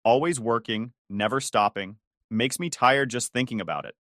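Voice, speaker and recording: A man's voice: medium pitch, moderate pace, fairly bright tone, no echo, clean studio sound, natural voice. A man voicing a laid-back, mocking young husband who teases in a casual way, within a narrated story. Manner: teasing, casual.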